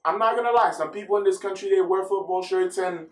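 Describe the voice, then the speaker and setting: A slightly high-voiced man chats his way through the weekend's football news, rambling and correcting himself as he goes. He sits a little back from the mic, and the room adds a clear echo. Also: fast, far from the mic. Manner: chatty, rambling, self-correcting. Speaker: football vlogger. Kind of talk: casual football news vlog. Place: filmed at home in the US.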